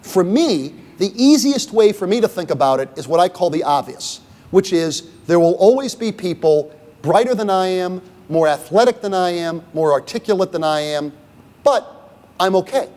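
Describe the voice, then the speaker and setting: High-voiced middle-aged man giving a talk. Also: lively intonation, normal speed, a little mellow, in a large hall. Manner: conversational, with frequent "okay?" and "right?" checks; poses rhetorical questions to the audience. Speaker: guest speaker on leadership. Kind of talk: lecture to a symposium audience. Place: university event room.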